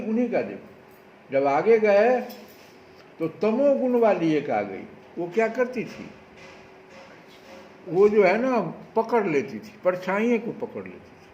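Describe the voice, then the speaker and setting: A man's voice: fairly high pitch, darkish tone, roomy sound. A man giving a devotional discourse as a spiritual speaker, preaching with rhetorical questions. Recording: dull lo-fi recording with faint noise.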